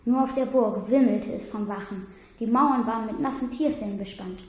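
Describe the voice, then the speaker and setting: A woman reading a first-person children's story aloud in a steady, plain voice. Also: a little high, normal speed. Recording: very echoey room.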